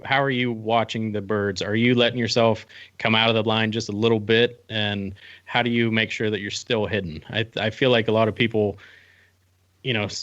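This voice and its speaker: A man's voice: on the low side, fairly bright tone, highs cut off. A man hosting a casual interview podcast in an informal, conversational way. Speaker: podcast host.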